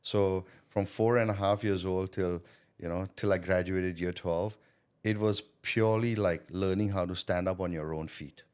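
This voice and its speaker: Deep-voiced earnest male interview guest. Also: steady tone, moderate pace, a little mellow, clear, resonant tone. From born in Thailand, schooled in India. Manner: earnest, reflective, frequent "right?" and "you know". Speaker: guest, sales coach and business owner. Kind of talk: interview conversation.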